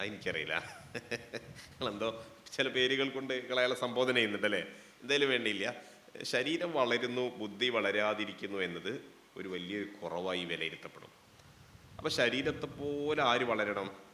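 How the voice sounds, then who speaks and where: A man's voice: on the low side, bright, forceful tone. A man with a Malabar Malayalam accent giving a playful, interactive speech to students at a college fest, asking the audience questions and making jokes. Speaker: guest speaker inaugurating a college fest. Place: hall with an audience. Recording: roomy hall with faint background noise.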